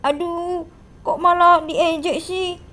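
A woman's voice: extremely high pitch, level tone, slow, a bit bright, exaggerated voice. A woman voicing a teased, lonely monster schoolkid with a whiny, plaintive way of talking in a game role-play.

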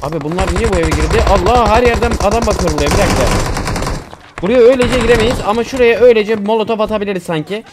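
A man giving casual, excitable gameplay commentary, chatting to viewers and teammates and swearing casually. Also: high voice, quick pace, very noisy. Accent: Turkish. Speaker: gaming YouTuber.

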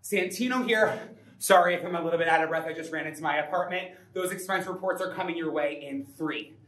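A man's voice: high-pitched, expressive, normal speed, a bit bright, reverberant, recorded from a distance, soft background music, poor audio. An actor playing a flamboyant, out-of-breath male spin-class instructor with hype-man energy. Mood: hyped.

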